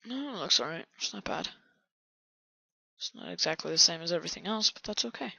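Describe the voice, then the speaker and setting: A man quietly commenting on his own game build, often half-whispering to himself. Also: a little high, expressive, brisk, creaky, husky, no room sound, muffled recording. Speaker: channel host building in a video game.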